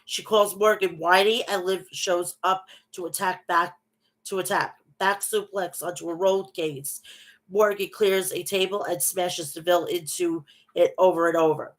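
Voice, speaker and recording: A woman with a bad cold hosts a casual wrestling recap, reading out match results and chatting with viewers in a nasal, stuffy-nosed voice. Her pitch is on the low side, her tone steady, and her pace measured.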